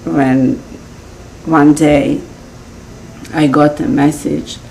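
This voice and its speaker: A woman's voice: low-pitched, little pitch movement, drawn-out words, creaky, darkish tone, slight background noise, rough recording. A woman with a Serbian accent, a guest in an interview, telling her story in a chatty way with frequent laughs. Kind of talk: casual interview chat.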